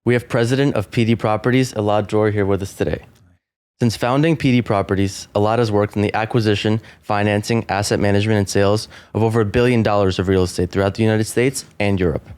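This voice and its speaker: Fast-talking male podcast host. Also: lowish voice, fairly even intonation, darkish tone, smooth. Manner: quick, reads intro then affirms with short interjections. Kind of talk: podcast interview.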